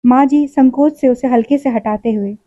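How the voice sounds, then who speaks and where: Woman storyteller, high pitch, dull lo-fi recording. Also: moderate pace, mellow, dry recording. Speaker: story reader. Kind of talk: literary story narration.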